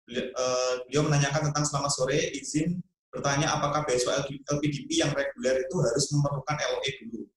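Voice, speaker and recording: A man hosting a question-and-answer talk, reading out viewer questions and affirming his guest briskly. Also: fairly high pitch, flat delivery, heavy reverb, rough recording. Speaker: host.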